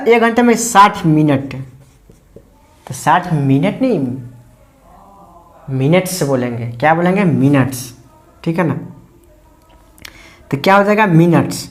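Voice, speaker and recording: This is a teacher talking a class through a lesson at a steady middle pitch. They keep firing off little check-in questions and then answering them, and they repeat the key words slowly and patiently. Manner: quizzing tone, constantly asks "ठीक है ना?" and answers own questions; slow, repetitive step-by-step explanation. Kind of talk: explaining English lesson to students.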